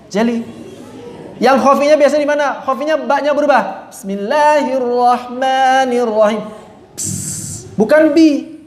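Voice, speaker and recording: With a roomy echo and a slight hiss or hum in the background, a man with an extremely high-pitched voice gives a tajwid lesson. He corrects common mistakes in Quran recitation, reciting examples aloud to show the right and wrong readings.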